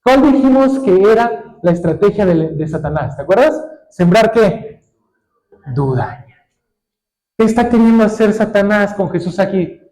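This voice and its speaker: Male pastor, high voice, preaching and quizzing the congregation. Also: expressive, dark tone, rough recording. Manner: asks the congregation questions and waits for answers; reads scripture aloud slowly, drawing words out. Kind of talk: sermon.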